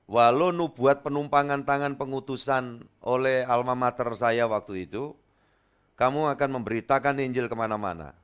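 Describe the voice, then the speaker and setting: Animated male pastor preaching. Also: medium pitch, clear, resonant tone. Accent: Indonesian, East Java. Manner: animated storytelling, acting out dialogue in a raised voice. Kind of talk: lively sermon.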